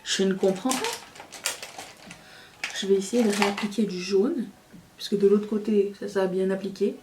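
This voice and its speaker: A woman's voice: mid-range voice, moderate pace, far from the mic, noisy background. A woman chatting casually while doing her makeup, rambling and self-mocking. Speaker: beauty youtuber. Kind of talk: casual get-ready-with-me chat.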